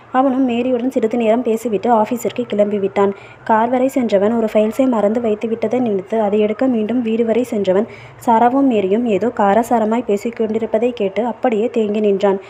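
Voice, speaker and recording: A woman storyteller reading a novel aloud in a steady, even narration. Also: a little high, a little hiss or hum.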